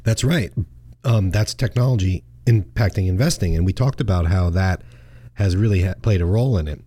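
A middle-aged man hosting a finance talk show in a relaxed, chatty way that often stops and restarts. His voice sits low and mellow. The sound is dry and close. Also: brisk, dry recording. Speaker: financial advisor and show host. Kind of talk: casual radio show chat.

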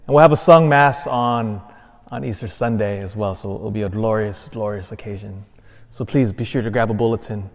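A man preaching a sermon as a priest, earnest, rising to emphatic peaks and falling soft and quiet. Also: medium pitch. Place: large church. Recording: long church reverb.

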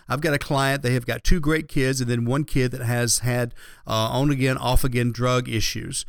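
A man's voice: mid-range voice, steady tone, moderate pace, vocal fry, no echo, clean studio sound. A man hosting a radio show, giving conversational, folksy advice as a financial planner.

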